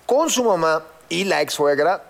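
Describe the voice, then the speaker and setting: A man's voice: a little high, lively intonation, measured pace, creaky. A man with a Mexican accent speaking bluntly in casual banter. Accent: Mexican Spanish.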